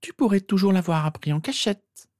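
A man voicing a skeptical, teasing teenage girl with sharp retorts. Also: sits high, moderate pace, no room sound, clean studio sound, pitched above the performer's own voice, natural voice. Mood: mocking. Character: mocking skeptical teenage girl, Harry's sister.

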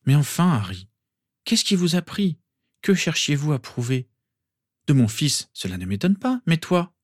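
A man voicing a caring young mother who pleads softly and apologizes. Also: on the high side, very animated, normal speed, no echo, studio quality, pitched above the performer's own voice. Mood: reproachful. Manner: pleading, soft.

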